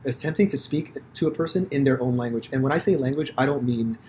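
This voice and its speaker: A man's voice: mid-range voice, fast talker, a little hiss or hum. Rambling, swearing American man. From United States. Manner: rambling, profane, animated storytelling with restarts. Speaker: podcast host. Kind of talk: casual conversation.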